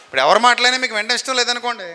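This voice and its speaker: A man preaching a sermon with a high, bright, forceful voice that rings through a hall with long reverb. He is lively and keeps throwing questions at his congregation for them to answer. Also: racing. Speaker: pastor.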